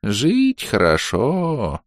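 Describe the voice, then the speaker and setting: A man voicing a lecherous old male ghost who drawls slowly in a bleating, blissful way. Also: mid-range voice, huge pitch swings, dry recording, studio quality, voice pushed up, full character voice.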